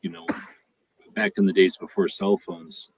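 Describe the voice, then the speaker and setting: Man, panel guest, very deep husky voice, rambling casual talk. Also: very animated, moderate pace, poor audio. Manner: rambling, with many fillers.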